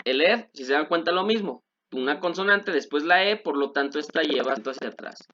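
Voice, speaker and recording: A young man teaching French verb forms in a video lesson, patiently repeating conjugations and filling pauses with "este". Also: a little high, expressive, pushed and bright, a little hiss or hum. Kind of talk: classroom-style video lesson. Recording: dull lo-fi recording.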